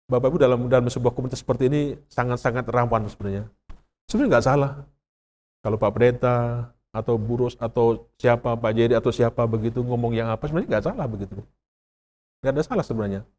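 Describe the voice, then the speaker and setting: A man with an Indonesian accent preaches a sermon in a conversational, questioning way and keeps checking in with his congregation. His voice sits in a mid register, neither high nor low. It is recorded in a church sanctuary, and the hall gives it a long reverb. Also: fast, a little mellow. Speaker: pastor.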